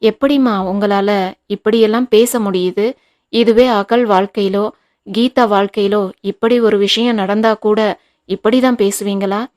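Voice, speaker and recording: A woman's voice: mid-range voice, fairly even intonation, normal speed, a little mellow, lightly acted. A woman voicing an irritable, short-tempered grown son who snaps out questions, in an audiobook reading. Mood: irritated.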